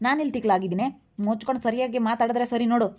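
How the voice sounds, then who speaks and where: A woman voicing a blustering village husband who answers back gruffly in a skit. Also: fairly high pitch, rapid-fire, lo-fi sound, close to an everyday voice. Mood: indignant. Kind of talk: skit acting.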